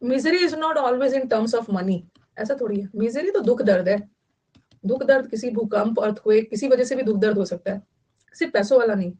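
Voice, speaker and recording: Lady teacher, fairly high voice, mixes hindi in, keeps repeating words and asking the class. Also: normal speed, a little mellow, breathy edge, poor audio. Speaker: English vocabulary teacher. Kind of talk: online class lecture.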